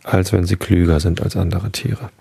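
A man's voice: low-pitched, level tone, normal speed, creaky, warm tone, slightly rough, dry recording, heavily acted. A man voicing a blunt, loyal dog. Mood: earnest.

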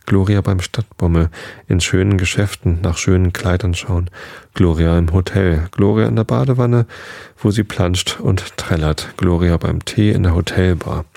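A man calmly reading a novel aloud in the first person, in an intimate storytelling manner. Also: low-pitched, moderate pace, vocal fry, dry recording, studio quality. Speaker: audiobook reader.

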